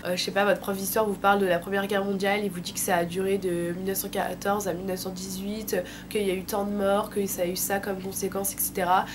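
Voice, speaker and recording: This teenage girl from France has a throat infection, and her tonsillitis leaves her voice thick and sore. Her mid-range delivery is flat and quick, with hardly any pauses, as she offers slangy, casual tips in her vlog over background noise.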